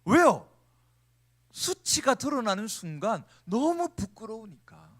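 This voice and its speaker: A male pastor preaching to a youth congregation with a strikingly high voice. His pitch swings widely as he talks, and he slips into playful acted-out quotes between points. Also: takes it slowly. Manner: animated, acts out quoted speech, playful asides. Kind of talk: sermon.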